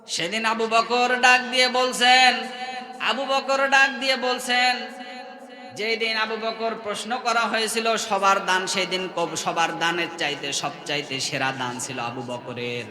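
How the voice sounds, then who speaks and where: A man preaching a Bengali waz sermon with a Bangladeshi accent, telling stories with sung, chanted rises and sudden hushed drops, and calling on the crowd to respond. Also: high-pitched, steady tone, measured pace. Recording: echoey open-air hall with long reverb.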